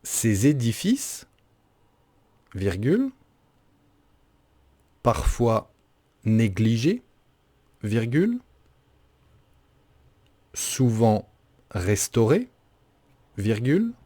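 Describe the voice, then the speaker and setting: A mellow-voiced man dictating at an extremely slow pace. He articulates carefully, breaks sentences into short phrases and says the punctuation aloud like a teacher. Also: medium pitch, big pitch swings, breathy edge. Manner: deliberate, carefully articulated, repeating each phrase.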